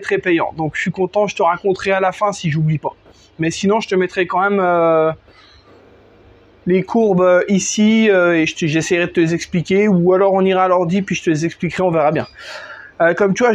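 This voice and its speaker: Casting: high-pitched, chatty male workshop vlogger, loose and slangy, lots of hesitations, outdoors. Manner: chatty, many fillers, slangy, talks to the viewer. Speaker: moped tuning vlogger. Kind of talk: casual workshop vlog. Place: outdoors under a gazebo in front of his house.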